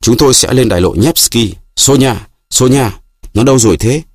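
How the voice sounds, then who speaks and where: A man reading an audiobook voices a proud, hysterical destitute widow, pleading and scolding in a raised, shrill voice. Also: normal speed, no room sound, clean studio sound, close to an everyday voice. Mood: frantic.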